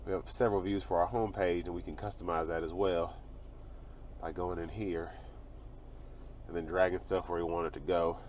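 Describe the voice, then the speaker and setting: A man's voice: sits low, level tone, moderate pace, darkish tone, a little hiss or hum. A young man, getting over a cold, casually walking around a car and pointing out its features. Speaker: car reviewer. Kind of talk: walkaround car review narration. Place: in and around a parked car outdoors.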